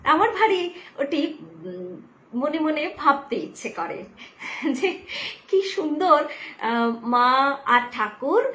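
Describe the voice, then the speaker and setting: A woman's voice: high voice, big pitch swings, takes it slowly, long pauses, fairly bright tone, dull audio. A middle-aged woman giving a devotional talk, telling stories earnestly and acting out heartfelt prayers. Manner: earnest, emotive storytelling with prayerful quoted pleas. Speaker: devotional speaker. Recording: roomy echo with faint background noise.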